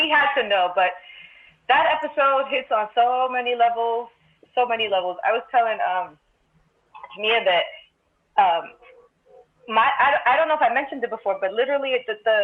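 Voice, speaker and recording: A woman from Brooklyn, New York, with a voice on the high side, is a guest on a casual podcast. She comes through a tinny, phone-like remote call line, thinking aloud reflectively and restarting her ideas often.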